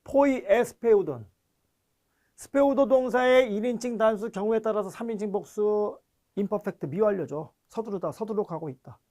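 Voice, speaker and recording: A man's voice: sits high, a little mellow. A man giving an online grammar lecture, explaining step by step and often checking that students understand. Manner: reads foreign words slowly and deliberately. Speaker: language teacher.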